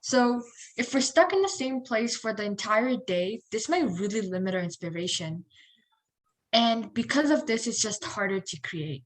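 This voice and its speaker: A young woman talks easily as a podcast guest, her voice sitting a little high. She keeps it conversational and slips into dry, teasing sarcasm. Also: animated, moderate pace, rough recording. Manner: playful, dry sarcastic humor. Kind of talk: casual podcast chat.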